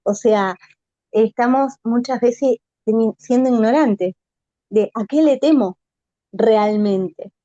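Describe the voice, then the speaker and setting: Woman, slow and measured, mellow dark tone, dry dull sound. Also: on the high side, no room sound. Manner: measured, thinking aloud. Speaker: podcast co-host. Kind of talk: casual conversation.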